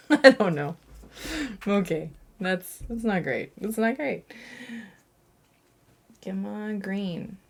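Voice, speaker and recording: A woman's voice: medium pitch, animated, very slow, creaky, pauses often. A young woman, a watercolour artist, chatting casually and laughing at herself as she paints. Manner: chatty, self-mocking, thinking aloud with laughs.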